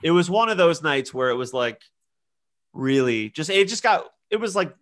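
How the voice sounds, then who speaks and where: Animated storytelling man. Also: fairly high pitch, moderate pace. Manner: animated storyteller, acts out quotes. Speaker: podcast co-host. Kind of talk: casual storytelling chat.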